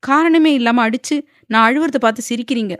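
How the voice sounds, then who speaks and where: A woman's voice: sits high, normal speed, darkish tone, dry recording, clean studio sound, pitched above the performer's own voice, natural voice. A woman narrator voicing a distressed young wife who cries, pleads and argues back. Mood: tearful. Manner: pleading, crying, agitated. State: crying. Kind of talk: audiobook character voice.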